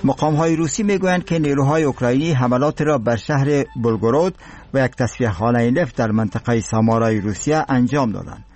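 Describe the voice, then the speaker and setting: A man with an Afghan accent reading scripted radio news in a solemn, formal, measured manner. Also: mid-range voice, darkish tone, soft background music. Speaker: radio newsreader.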